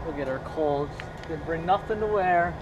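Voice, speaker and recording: A man's voice: a little high, normal speed, highs cut off. Joking young man vlogging on the road. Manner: joking, mock announcer lines. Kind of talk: casual travel vlog. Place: car at night, then outdoor gas station. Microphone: camera on a handheld pole. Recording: loud road and outdoor noise.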